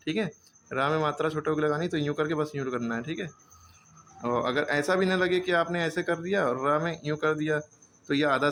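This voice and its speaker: A man's voice: fairly high pitch, fairly bright tone. Guy teaching a writing lesson, patient, keeps checking everyone gets it, bit of background noise. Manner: patient, explains step by step, checks often. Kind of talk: handwriting lesson.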